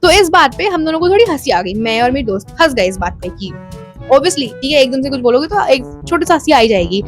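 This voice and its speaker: Her voice sits high and swings widely in pitch, moving a little fast over faint music. Filming on her phone's front camera, the storytime vlogger recounts a personal tale chattily, mixing in English and frequently addressing listeners.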